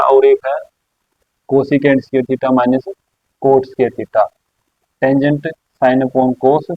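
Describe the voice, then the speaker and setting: A man teaching a maths lesson at a board, explaining slowly and repeating his own questions for the class. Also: mid-range voice, no echo. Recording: dry, slightly dull lo-fi sound.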